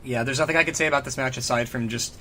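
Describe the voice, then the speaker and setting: A man co-hosting a casual podcast, exasperated and profane, with quick joking asides. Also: medium pitch, pushed and bright, a little hiss or hum. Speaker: podcast co-host. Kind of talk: casual banter.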